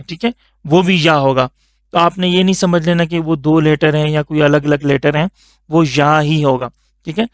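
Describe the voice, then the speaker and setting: Patient man teaching letters, smooth voice. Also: on the high side, dry recording, studio quality. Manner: patient, repeats "theek hai?" to check understanding. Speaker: Quran reading teacher. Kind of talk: teaching lesson, reading letters aloud.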